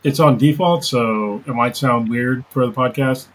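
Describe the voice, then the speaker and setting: A man's voice: medium pitch, unhurried. Casual man, far from the mic. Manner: casual, swears freely. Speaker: podcast co-host. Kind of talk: casual chat. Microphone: laptop or webcam built-in microphone. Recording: far from mic, laptop or webcam microphone.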